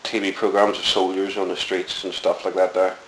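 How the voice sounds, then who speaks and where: Low-pitched and brisk, with a level, fairly bright tone, a middle-aged Belfast man from Northern Ireland reminisces about growing up. The oral history interview is full of his reflective rambling and fillers, captured in an echoey room with faint hiss.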